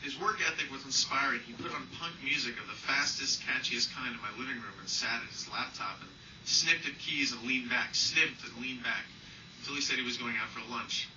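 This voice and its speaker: Reading his personal essay to a live audience, this man sounds medium-pitched, brisk, bright, and forceful, with a wry, self-deprecating touch. He was captured indoors from a distance, leaving the audio muffled, roomy, and noisy.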